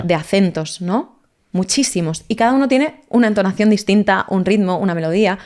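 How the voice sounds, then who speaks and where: A woman, a language teacher explaining her methods in an interview, lively and mixing in English words. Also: lowish voice. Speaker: language teacher, guest expert.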